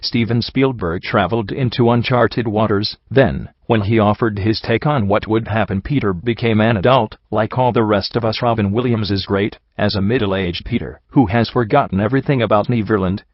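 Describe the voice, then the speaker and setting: A man's voice: fairly low pitch, no echo. A man narrating a scripted list of movie recommendations in a wry, playful, upbeat manner. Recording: dull, lo-fi dry sound.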